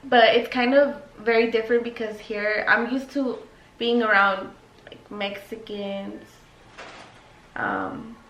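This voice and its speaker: A woman's voice: a little high, fairly even intonation, slow, a bit bright, lo-fi sound. A young woman YouTube vlogger, tipsy and rambling in a casual Q&A chat, blunt and sweary. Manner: tipsy, loose rambling talk. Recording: echoey room with faint noise.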